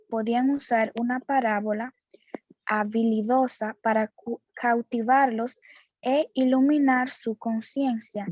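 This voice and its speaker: A woman reading a Bible study text aloud in a measured way. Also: a little high, darkish tone, no echo, highs cut off.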